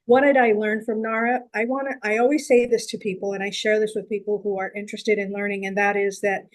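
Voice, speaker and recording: Woman, from San Jose, interview guest, earnest, reflective, mid-pitched. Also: little pitch movement, quick pace, rough recording. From San Jose, California. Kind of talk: interview conversation.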